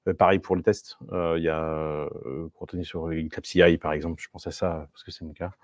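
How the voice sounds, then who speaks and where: A man with a lowish voice talks through a live tech meetup, loose and conversational, hesitating often and dropping in playful asides for his viewers. The sound is close and dry. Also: little pitch movement, fairly quick, darkish tone, no echo. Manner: conversational, many fillers and restarts, playful asides to the audience. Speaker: Scrum Master giving a meetup talk. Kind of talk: live online meetup talk.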